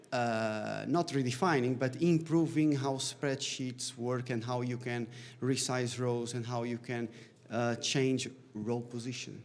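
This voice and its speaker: A man's voice: mid-range voice, darkish tone. Male conference speaker, mid-range voice, technical presentation style.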